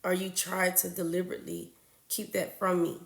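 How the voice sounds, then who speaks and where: A woman's voice: on the low side, little pitch movement, moderate pace, creaky, reverberant. A woman, a registered nurse hosting a casual livestream, greeting viewers by name and a little congested from a cold.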